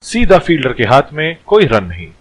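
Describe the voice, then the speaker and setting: A man's voice: medium pitch, wildly swooping pitch, normal speed, husky, dry recording, muffled recording. A man doing ball-by-ball cricket commentary, describing the play in short calls.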